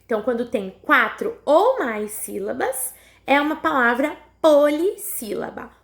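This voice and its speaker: A high, lively woman's voice with a Brazilian Portuguese accent, a schoolteacher recording a lesson for young kids. She talks slowly and patiently, drawing out each word syllable by syllable and checking in with her pupils after almost every sentence. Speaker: primary school teacher.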